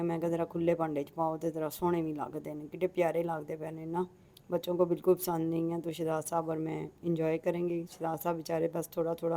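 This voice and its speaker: A middle-aged woman with a Punjabi accent and a mellow, lowish voice chats folksily as a home cook in a casual cooking vlog, speaking politely to her viewers.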